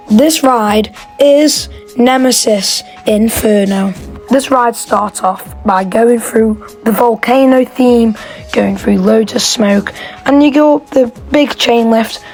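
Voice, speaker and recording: A woman's voice: a little high, darkish tone, poor audio. A woman, chatting casually in a rambling, enthusiastic voice-over as she ranks theme park rides.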